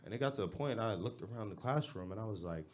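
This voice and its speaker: A man's voice: on the low side, fast talker, a little hiss or hum. Young man doing casual stand-up. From Los Angeles. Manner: casual, slangy, deadpan delivery. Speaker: stand-up comedian. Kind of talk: stand-up comedy set. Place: comedy club stage.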